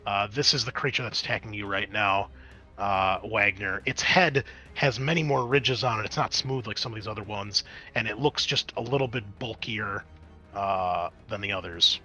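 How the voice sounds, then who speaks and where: A tabletop RPG game master speaks at normal speed in a voice on the low side, over background music. He chats casually, throws in the odd swear word, and mutters asides while working the game software.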